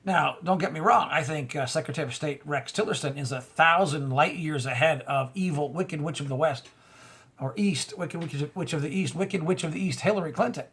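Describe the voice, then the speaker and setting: Reading news items aloud, a man fires back with mocking, heated asides in casual commentary. His voice sits on the high side, fairly bright with a breathy edge, and he talks a little fast.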